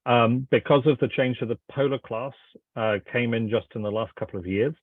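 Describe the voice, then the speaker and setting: A man answering questions as a company representative, informal and halting in his delivery. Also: medium pitch, no echo. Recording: thin phone-like line.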